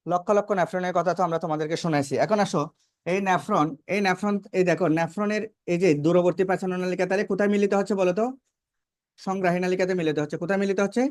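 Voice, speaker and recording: A man's voice: sits high, fairly even intonation, racing, no echo, clean studio sound. A man teaching a biology class, asking questions and then answering them himself, and repeating key terms to drive them home. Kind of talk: classroom lecture.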